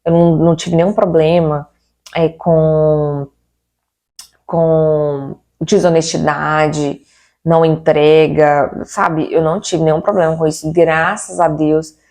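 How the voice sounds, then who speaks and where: A young Brazilian woman with a Brazilian Portuguese accent talks casually to her viewers in a chatty, exasperated way, throwing in rhetorical questions. Her voice sits a little low and sounds warm and mellow. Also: flat delivery, slow. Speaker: vlogger. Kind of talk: casual venting to camera.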